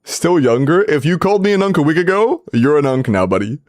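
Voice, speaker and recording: With a slightly high, sing-song voice at a fairly quick clip, a man in his twenties reviews game accounts on a casual livestream. He laughs frequently and trades playful banter with his chat.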